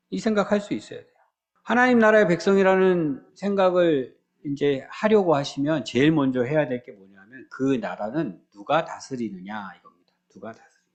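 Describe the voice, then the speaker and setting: A man's voice: fairly high pitch, darkish tone. A man preaching a sermon in church as pastor, talking conversationally, asking the congregation rhetorical questions and acting out the prayers of believers.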